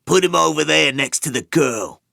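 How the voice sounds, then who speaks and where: A man's voice: a little high, lively intonation, moderate pace, creaky, bright, forceful tone, dry recording, pitched above the performer's own voice, full character voice. A man doing a dry, cold gang boss. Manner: dry, unimpressed tone.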